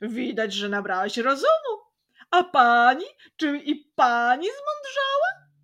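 A woman voicing an elegant magical lady who speaks in a measured, authoritative yet kindly way. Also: high-pitched, wildly swooping pitch, fairly bright tone, voice pushed up, exaggerated voice.

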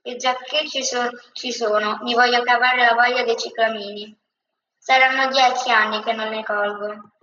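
A whimsical office lady, as a woman reading a storybook puts her on, speaks in an airy, carefree way. The voice is high and bright. It is recorded from a distance in a dull recording. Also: little pitch movement, normal speed, reverberant, a little hiss or hum.

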